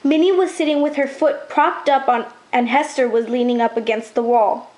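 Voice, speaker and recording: High-voiced woman reading a story. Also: fairly even intonation, normal speed, a little mellow, poor audio. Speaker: narrator. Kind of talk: storybook narration.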